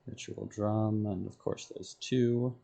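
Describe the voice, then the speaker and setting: Fairly low and dark-toned, this gravelly man's voice stays steady and slow. He mutters brief fragments to himself while streaming a video game, offering casual solo commentary.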